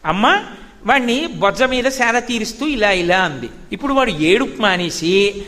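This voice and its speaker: A man giving a devotional sermon, telling stories in an animated way and reciting Sanskrit verses. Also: high-pitched, normal speed. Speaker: spiritual discourse speaker. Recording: long hall reverb.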